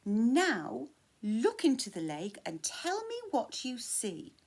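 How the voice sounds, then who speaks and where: A brave, clever young boy from a storybook, speaking calmly and quietly as he outwits his captors. The voice is light and unhurried, with a hushed, secretive edge, voiced by a woman reading the tale aloud. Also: fairly high pitch, pitched above the performer's own voice, full character voice. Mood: scheming.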